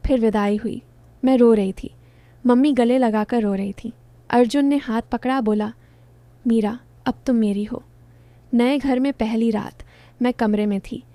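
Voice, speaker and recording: A woman narrating a first-person romantic story in short, gentle sentences. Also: fairly high pitch, steady tone, a little slow, no echo.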